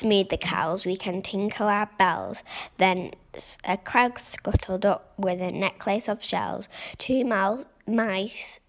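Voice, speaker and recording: A woman reading a rhyming picture book aloud, stumbling and restarting on some words. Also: mid-range voice.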